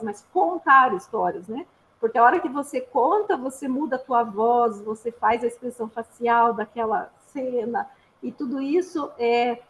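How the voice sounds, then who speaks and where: Woman, Brazilian accent, speech therapist, high-pitched, patient explanatory talk, tag questions. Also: rough recording. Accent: Brazilian Portuguese. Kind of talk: informal explanatory presentation.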